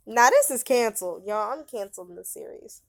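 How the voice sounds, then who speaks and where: A woman giving casual commentary while playing a story game on her phone, venting loudly in slangy, exasperated bursts. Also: a little high, lively intonation, normal speed, no room sound, clean studio sound. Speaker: gamer reading a story game aloud.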